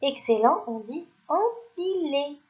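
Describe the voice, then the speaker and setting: A woman teaching young children to read, spelling out words slowly and clearly, syllable by syllable. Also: sits high, very animated, a little mellow. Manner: slow, clear, stretches out syllables. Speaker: primary school teacher. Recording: dull lo-fi sound.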